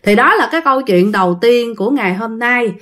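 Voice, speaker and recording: A woman's voice: on the high side, lively intonation, brisk, fairly bright tone. A woman, the channel's host, telling listener ghost stories in a chatty way and addressing her audience directly. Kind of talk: casual ghost-story narration.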